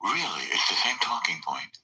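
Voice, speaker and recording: Man, lisp with tongue sticking out, lowish pitch, very forceful bright tone, combative debater. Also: sing-song, moderate pace, breathy edge, rough recording. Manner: combative, badgering with repeated questions. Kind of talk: heated political debate.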